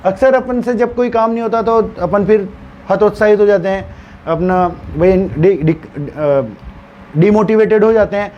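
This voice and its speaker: Guy teacher telling a story to his class, kinda high voice, acts out the stutters, muffled lo-fi sound with a little hiss. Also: fairly even intonation, moderate pace. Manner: acts out stammering and dialogue while retelling. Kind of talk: storytelling lesson explanation.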